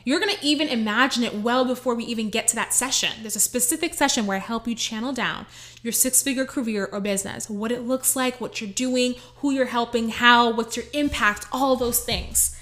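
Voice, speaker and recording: High bright-voiced woman coach. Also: brisk. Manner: blunt, profane, animated. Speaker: life and career coach. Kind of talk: casual motivational talk.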